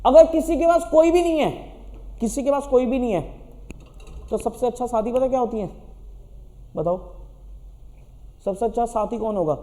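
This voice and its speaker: A man speaking to students in a direct motivational talk, asking questions and then answering them. His voice sits high but has a mellow, warm tone. A long reverb trails after his words. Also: moderate pace, pauses often. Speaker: teacher.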